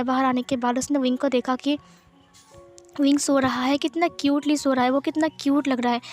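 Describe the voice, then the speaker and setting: A woman retelling a fan-fiction love story aloud, emotional and dramatic, with many restarts. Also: high voice.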